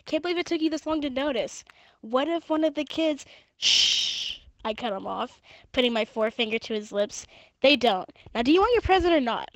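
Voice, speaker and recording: A young woman with a fairly high voice talks into a gaming headset from home, crude and giggly between flat, monotone reading. The sound is dry and close, with no room around her. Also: brisk, no echo. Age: young adult. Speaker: gaming streamer. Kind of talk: casual stream chat and reading fan fiction aloud.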